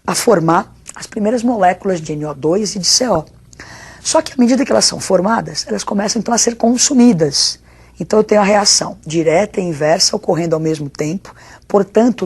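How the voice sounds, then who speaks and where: A woman's voice: fairly low pitch, darkish tone, slightly rough. A Brazilian woman teacher giving a spoken video lesson in a didactic way, with rhetorical questions and check-in tags. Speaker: chemistry teacher.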